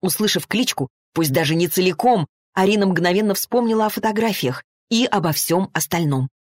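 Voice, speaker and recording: A woman narrating a romance novel in an even, measured reading. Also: mid-range voice, no room sound, studio quality. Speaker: audiobook narrator.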